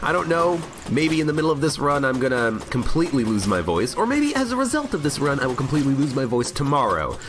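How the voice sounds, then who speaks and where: An American man with a cold, his voice slightly worn, rambles cheerfully while livestreaming a game. His mid-range, sing-song voice moves quickly with hardly any pauses, chatty and full of self-mocking humor, while loud game music plays beneath him.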